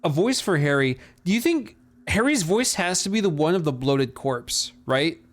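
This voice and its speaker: A man's voice: fairly high pitch, animated, moderate pace. Casually swearing male game streamer. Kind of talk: casual gameplay commentary.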